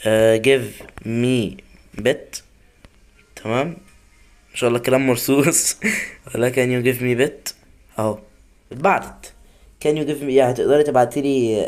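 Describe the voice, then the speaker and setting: A young man with an Egyptian Arabic accent gives casual gameplay commentary. He chats away to himself and to his viewers while he plays, his voice at a middle pitch. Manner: chatty, talks to himself and viewers while playing. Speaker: gaming YouTuber.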